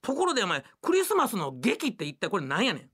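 A blunt, boisterous middle-aged husband, put on by a woman telling rakugo, speaking broad Kansai dialect. His pitch swings widely as he blurts things out. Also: wildly swooping pitch, breathy edge, exaggerated voice. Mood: puzzled. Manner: blunt, boisterous, quick to shout. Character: bumbling loud middle-aged Osaka husband. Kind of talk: rakugo storytelling.

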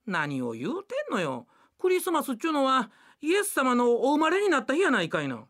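A woman's voice: high voice, huge pitch swings, fairly quick, a bit bright, exaggerated voice. A woman voicing a bossy, devout housewife with a Kansai accent, scolding her husband in a rakugo telling. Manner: scolding, nagging. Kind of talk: rakugo storytelling.

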